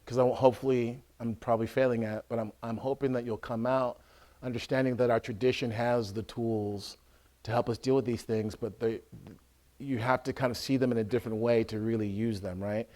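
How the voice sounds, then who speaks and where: A man, an Orthodox priest, teaching in a conversational way, often checking that listeners follow and acting out scenes loudly. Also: medium pitch, steady tone, brisk. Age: adult with a school-age son. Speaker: Orthodox priest giving a talk.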